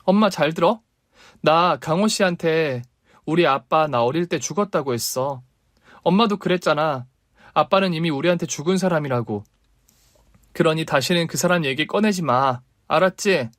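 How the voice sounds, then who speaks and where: High insistent voice, bitter stubborn daughter, guy voicing her, dry sound. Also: unhurried, darkish tone, no room sound. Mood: defiant. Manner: raised, insistent. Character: sharp-tongued young daughter, stubborn and resentful.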